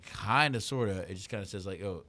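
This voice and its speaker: A man's voice: on the low side, a little fast. A man co-hosting a soccer radio show, arguing his picks in loose, slangy casual chat full of restarts. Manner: animated, slangy, talks in restarts.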